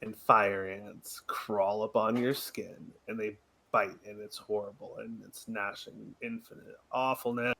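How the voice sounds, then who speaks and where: Male player with a gravelly, fry-heavy voice and a joking manner. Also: on the low side, steady tone, a little slow, sharp tone, rough recording. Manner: playful, joking. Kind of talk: casual chat at a game table.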